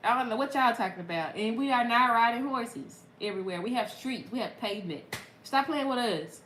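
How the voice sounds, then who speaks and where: A bright-voiced woman in her thirties with a Southern accent, talking straight to her viewers in a loose, chatty way and laughing often. Her voice rings a little in an echoey room, with a faint hiss underneath. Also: fairly high pitch, a little fast. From Mississippi. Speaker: content creator. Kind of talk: casual livestream chat.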